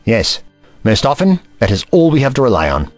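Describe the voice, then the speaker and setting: A man as the Doctor, animated eccentric Time Lord. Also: medium pitch, fairly quick, no room sound, soft background music. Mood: gently cautious. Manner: precise, theatrical, formal diction. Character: clever, eccentric alien Time Lord hero, male, earnest. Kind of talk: audio drama acting.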